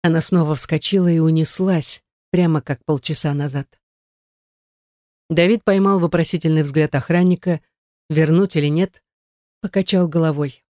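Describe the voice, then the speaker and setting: An audiobook narrator reading a romance novel in a steady, even storytelling voice. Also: mid-range voice, normal speed, no room sound, studio quality. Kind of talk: scripted narration.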